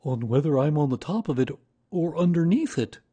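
A man's voice: a little high, expressive, normal speed, dark tone, breathy edge, voice pushed up. A man voicing a proud, simple-minded, lovable bear with a growly voice in a storybook reading. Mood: modest, explaining. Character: proud, slow-witted, lovable male bear.

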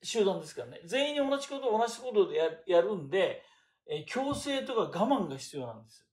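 An older man giving a chatty lecture on classical texts, asking rhetorical questions and pausing with fillers. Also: sits high, big pitch swings, a little mellow. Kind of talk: casual lecture. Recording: roomy echo.

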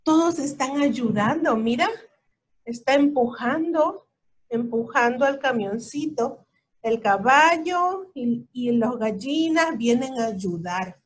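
A woman reading a children's storybook aloud, slow and expressive, pausing to point things out to a young listener. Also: sits high.

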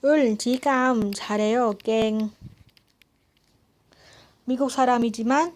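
A young woman teaching a language lesson, explaining vocabulary slowly and politely, breaking words into syllables. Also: high-pitched, fairly even intonation. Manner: slow, syllable-by-syllable explanation with frequent polite particles. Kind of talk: spoken grammar lesson.

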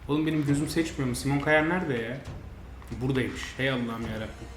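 A man's voice: medium pitch, quick pace. Man grumbling over a football video game. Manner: grumbling and frustrated, yelling at players. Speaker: gaming channel host. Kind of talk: live commentary over gameplay. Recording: roomy sound with faint noise.

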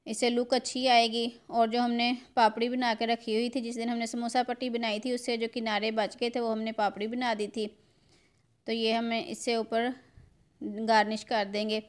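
A woman's voice: fairly high pitch, level tone, moderate pace, clean tone. A middle-aged woman, walking viewers through a recipe step by step in her home kitchen. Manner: homely, step-by-step instructions addressed to viewers. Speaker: cooking channel host. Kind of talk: home cooking tutorial narration.

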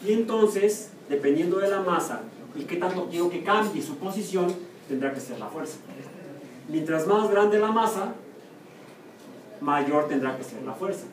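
Picked up by a room or camera mic far away in a noisy, echoey classroom, a university professor with a Mexican Spanish accent delivers a lecture. His voice is high-pitched and animated, his pace unhurried, and he asks the class questions only to answer them himself.

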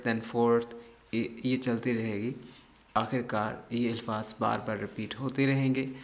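Slow, deliberate male English teacher. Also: mid-range voice. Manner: deliberate, repeats words to model pronunciation; exaggerated stress on model words. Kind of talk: phonics lesson.

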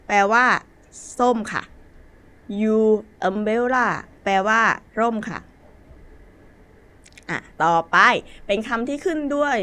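Thai-accented woman teacher, unhurried, patient basic English lesson. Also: fairly high pitch, lively intonation, a bit bright, clean tone. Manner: slow, patient spelling out of words letter by letter.

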